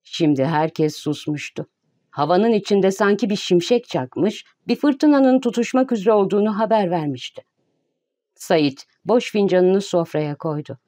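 A woman reading a classic novel aloud as an audiobook narrator, in a measured, even manner. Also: medium pitch. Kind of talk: scripted narration.

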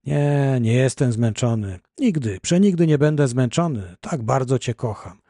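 A man's voice: medium pitch, expressive, moderate pace, mellow, no echo, studio quality. A man reading an audiobook, voicing a heartbroken, weary husband who begs his wife to stay. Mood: imploring. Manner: imploring, weary. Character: heartbroken ill husband, desperate.

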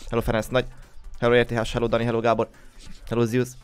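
A man's voice: mid-range voice, monotone, smooth, soft background music. A young man hosting a game livestream, just woken up, greeting viewers one by one in casual chat. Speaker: livestream host.

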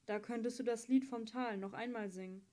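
Woman reading earnest 18-year-old boy, ambitious, quietly insistent, warm tone. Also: a little high, steady tone, a little fast, lightly acted.

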